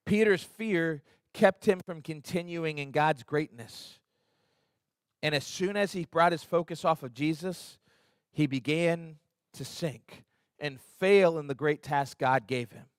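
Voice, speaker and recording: A pastor preaching a conversational sermon in a church, acting out quotes in an earnest, lively way. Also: male voice, fairly high pitch, unhurried, clean tone, no room sound, studio quality. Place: church sanctuary.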